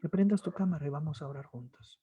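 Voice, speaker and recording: A male pastor with a Guatemalan accent preaching an impassioned sermon, swinging between soft pleading and loud cries. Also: on the high side, fast, breathy edge, no echo, lo-fi sound. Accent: Guatemalan Spanish. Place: church service streamed online.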